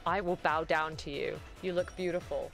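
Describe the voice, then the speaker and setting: A woman hosting a live-stream showcase, gushing loudly and yelling with excitement, swearing freely. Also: deep voice, normal speed, soft background music. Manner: loud, gushing, yells when excited, swears a lot. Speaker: host.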